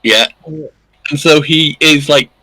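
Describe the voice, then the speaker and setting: A man co-hosting a podcast, explaining points in a measured way. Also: fairly high pitch, bright, forceful tone, no room sound, low-quality recording. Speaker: podcast co-host. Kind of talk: casual chat.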